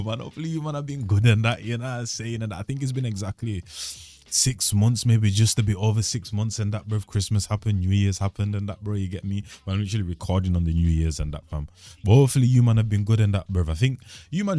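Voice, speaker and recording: This young man's voice sits low with a dark tone, and there is no room sound. As the channel host, he rambles casually to camera in a slangy, laid-back vlog chat, captured on a studio mic at his home desk.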